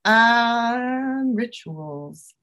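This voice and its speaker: A woman's voice: fairly high pitch, drawn-out words. A woman guest who teaches self-defense and travel safety, talking chattily in a casual interview with lots of fillers. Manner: chatty, animated, with fillers and laughs.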